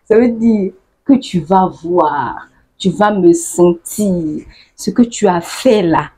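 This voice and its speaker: Laughing woman with a husky, mellow voice. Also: lowish voice, slow. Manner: lively, laughs often, acts out phrases. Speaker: YouTuber explaining local slang. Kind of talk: casual explanatory vlog.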